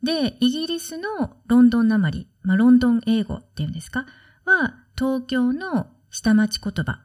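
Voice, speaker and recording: Chatty woman podcast host, lively pitch. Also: moderate pace. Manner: relaxed, chatty, explaining with soft asides. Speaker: study-abroad consultant and podcast host. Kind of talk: solo podcast talk.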